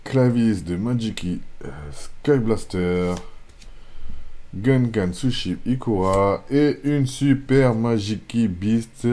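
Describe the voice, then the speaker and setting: A man with a French accent opening trading card packs on his channel, listing card names one after another and breaking into excited bursts over rare pulls. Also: on the low side, slow. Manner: reads card names in a steady list, bursts into excited exclamations. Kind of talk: casual pack-opening commentary.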